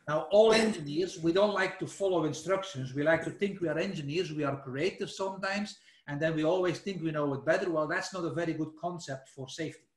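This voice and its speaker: In a screen-shared technical webinar where he never appears on camera, a Belgian man with a Flemish accent explains topics informally. His voice is a little high and the room sounds spacious, and he often corrects himself and says "let's say."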